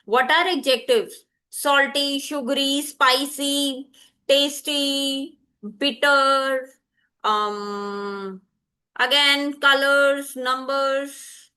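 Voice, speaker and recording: A woman teaching vocabulary, repeating each word slowly and clearly for learners. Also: sits high, bright, forceful tone. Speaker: language teacher. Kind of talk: slow, deliberate vocabulary lesson.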